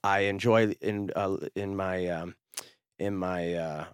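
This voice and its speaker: A man's voice: low-pitched, fairly even intonation, smooth, dry recording, clean studio sound. A middle-aged man from North Carolina hosting a podcast, playfully acting clueless with lots of fillers and stumbles. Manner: plays dumb, halting with many fillers. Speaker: podcast host. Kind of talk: playful role-play interview.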